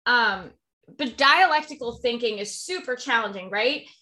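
A woman's voice: fairly high pitch, expressive, moderate pace, sharp tone. A woman co-hosting a podcast as a therapist, telling anecdotes animatedly and laughing easily. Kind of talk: casual podcast chat.

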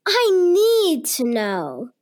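A woman's voice: extremely high pitch, wildly swooping pitch, extremely slow, darkish tone, full character voice. A performer voicing a curious little girl who pleads with the grown-ups in a children's show.

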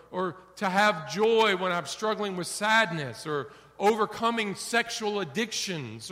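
A middle-aged male pastor preaching a sermon, animated, acting out little dialogues for his congregation. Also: on the high side. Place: church sanctuary. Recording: long hall reverb.

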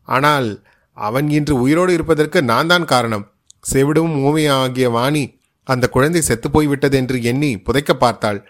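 A man's voice: medium pitch, fairly bright tone, natural voice. A man voicing a frightened male captive who pleads and whines to be let go. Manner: pleading, whining.

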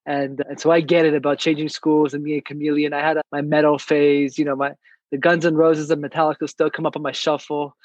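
A man in his late thirties from Canada, hosting a relaxed, agreeable casual interview. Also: on the high side, brisk, no room sound, lo-fi sound. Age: 30s. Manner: relaxed, agreeable, lots of mm-hmms.

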